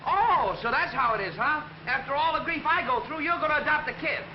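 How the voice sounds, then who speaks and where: Brash, argumentative sailor, high tenor voice, dull old film soundtrack with hiss. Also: male voice, expressive, fairly quick. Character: brash navy sailor man, quarrelsome. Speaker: navy chief gunner's mate. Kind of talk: 1940s film acting.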